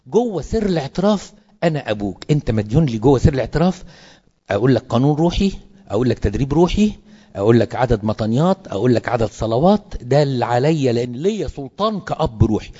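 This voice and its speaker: A man speaking with an Egyptian Arabic accent, a priest addressing fellow clergy in an animated sermon-style talk full of rhetorical questions. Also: medium pitch, slightly rough, muffled recording.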